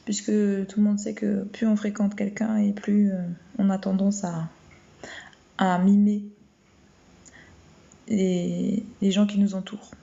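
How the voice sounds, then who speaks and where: Late at night, streaming live from home on her phone, a woman chats casually and reads the Bible in a gentle, warm, medium-pitched voice that turns creaky. Her delivery is slow and even, barely rising or falling, with frequent pauses, fillers, and restarts; the recording sounds slightly muffled and dull.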